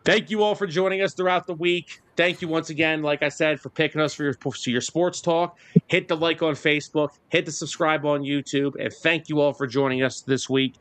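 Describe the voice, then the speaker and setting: A man's voice: fairly high pitch, fairly even intonation, brisk, a bit bright, smooth, dry recording. A man hosting a casual sports talk radio show, joking and rambling through his takes and sign-off.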